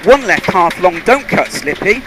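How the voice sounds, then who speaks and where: A man working as a rally co-driver calls pace notes in short, urgent bursts through his helmet headset while the car tears through a forest stage. His voice is high and animated but unhurried, and heavy engine and vehicle noise come through the intercom.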